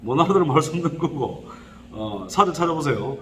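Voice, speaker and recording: A middle-aged man with a regional Korean dialect gives casual spoken welding instruction, talking fast in an animated, rambling way with frequent fillers and pitch jumps. He is in a large hall, and there is a little hiss or hum.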